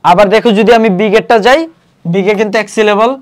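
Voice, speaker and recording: In an online grammar lesson, a high-voiced admission coaching tutor speaks Bengali with a Bangladeshi accent and a fairly even intonation. His explanatory style includes repeatedly checking in with "ঠিক আছে?" and sounding out syllables slowly.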